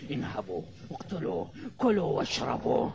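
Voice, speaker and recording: A man voicing a fearsome, boastful pirate ship captain in a cartoon, gravelly and commanding, with theatrical menace. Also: medium pitch, wildly swooping pitch, a little fast. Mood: gleefully ruthless. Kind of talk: cartoon voice acting. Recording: noisy old cartoon soundtrack.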